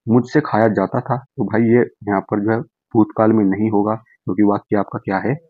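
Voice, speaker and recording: A man's voice: fairly low pitch, flat delivery, brisk, no room sound. A man teaching an exam-prep Hindi class, walking students through answers in a friendly, coaxing way and often repeating the same checking phrase. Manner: repeats "ठीक है जी" and calls students brother. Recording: dull, dry, slightly lo-fi.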